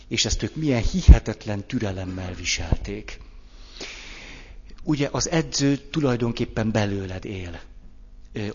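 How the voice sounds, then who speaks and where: A man with a low, husky voice giving a measured, personal talk. He acts out small everyday examples as he goes. The sound is dull and lo-fi, with a long reverb from a large hall. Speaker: speaker. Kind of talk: lecture-style talk.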